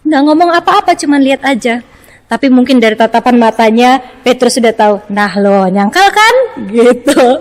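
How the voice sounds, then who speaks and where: A woman with a Medan accent, teaching Sunday school and asking the children questions in a lively way. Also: high voice. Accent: Indonesian, from Medan. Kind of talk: children's sermon. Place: church service streamed online. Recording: roomy, long reverb.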